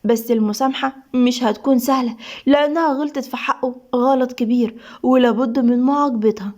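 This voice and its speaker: Fast-talking Egyptian woman storyteller. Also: sits high, fairly even intonation, darkish tone. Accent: Egyptian Arabic. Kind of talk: reading a serialized drama story.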